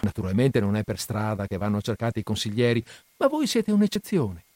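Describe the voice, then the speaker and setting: A man's voice: lowish voice, very animated, brisk, darkish tone, no room sound, pitched below the performer's own voice. A man voicing an earnest, guarded young woman in an audiobook reading, speaking in a pleading, candid way.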